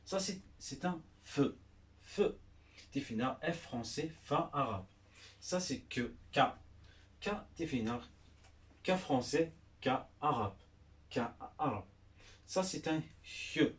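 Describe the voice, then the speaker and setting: A man giving a language lesson, patiently naming and repeating each letter's sound. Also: mid-range voice. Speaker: teacher. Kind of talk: slow spoken language lesson.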